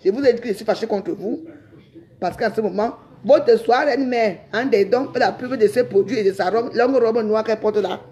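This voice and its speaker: A woman's voice: a little high, normal speed, dark tone, highs cut off. A middle-aged woman, ranting defiantly on a live stream and rambling with repeated words. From Cameroon. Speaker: social media livestreamer.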